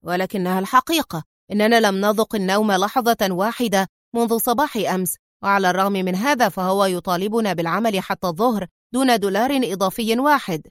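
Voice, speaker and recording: A woman reading the lines of an irritable, resentful male security guard in an audiobook, sharp and complaining. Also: mid-range voice, quick pace, no echo, clean studio sound, natural voice.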